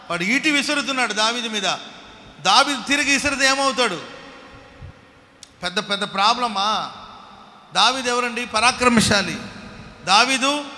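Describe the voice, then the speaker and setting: A man preaching a sermon as pastor, firing rhetorical questions at the congregation and calling them to clap and shout hallelujah, swinging between loud exhortation and quiet asides. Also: extremely high pitch. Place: large church hall. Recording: echoey hall with long reverb.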